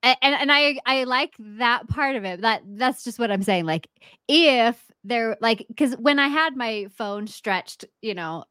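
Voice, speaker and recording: A woman's voice: a little high, lively intonation, a little slow, sharp tone, clean tone, no room sound, clean studio sound. A woman in her forties hosting a podcast interview, talking in a candid, blunt and chatty way. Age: 40s. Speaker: podcast host. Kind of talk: casual interview chat.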